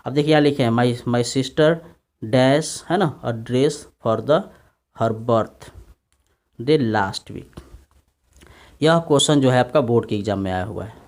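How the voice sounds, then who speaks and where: A man gives an English grammar lesson in Hindi for exam students. He dictates English sentences slowly and often checks in with his students. His voice sits at an ordinary mid pitch. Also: a little mellow. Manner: repeats tag questions to students. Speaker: English teacher.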